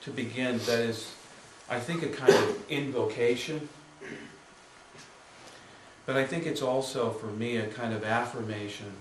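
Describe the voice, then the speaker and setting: A man at a live poetry reading speaks in a slow, unhurried way, pausing often with small fillers between thoughts. The sound is roomy, and he is heard from some distance off the mic. A faint hum of ambient noise sits behind him. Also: mid-range voice, steady tone. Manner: hesitant, filler-heavy introductions; slow, measured reading. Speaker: poet giving a reading. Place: room at a live reading with an audience.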